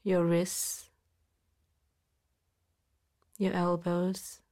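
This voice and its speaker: Her voice lowish, a meditation guide talks listeners through a body-scan relaxation, soft and calm, occasionally whispering and pausing at length.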